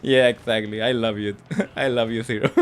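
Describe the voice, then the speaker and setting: With soft music behind him, a man of medium pitch speaks at normal speed, his pitch swinging widely. A native Spanish speaker with a Spanish accent, he chats loosely during a game livestream, often laughing and repeating words as he stumbles.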